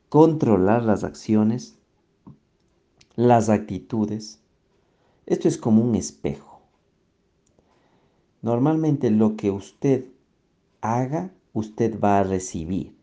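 A man giving a motivational talk on social success, speaking with slow, deliberate emphasis and asking rhetorical questions. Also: on the low side, warm tone, lo-fi sound. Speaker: self-improvement speaker.

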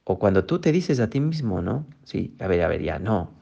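A man's voice: low-pitched, very animated, moderate pace, creaky, dark tone, lo-fi sound. A man giving a motivational talk. He speaks emphatically, posing rhetorical questions and then answering them.

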